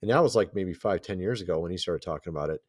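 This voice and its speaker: A man co-hosting a casual reaction chat, talking loosely and filling his sentences with "like." His voice sits on the low side. It sounds dry and close. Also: rapid-fire, no room sound. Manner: loose, filler-heavy, says "like" a lot. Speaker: co-host.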